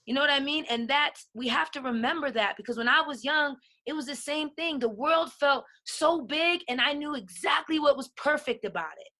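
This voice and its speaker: A woman appearing on a podcast speaks in a high, sharp voice at a moderate pace with few pauses. She's emphatic and passionate, frequently asking "right?" to check in.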